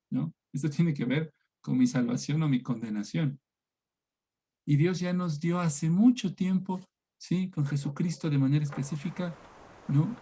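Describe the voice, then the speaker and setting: A man's voice: a little high, dark tone, slight background noise. A man with an Ecuadorian Spanish accent teaching a religion class over a video call, speaking conversationally and often checking in with his students. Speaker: catechism teacher.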